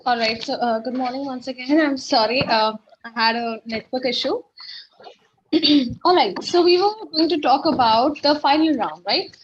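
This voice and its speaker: A woman's voice: sits high, moderate pace, a little hiss or hum. A woman teaching French on an online webinar, explaining step by step and often checking "okay?". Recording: dull, lo-fi webinar audio.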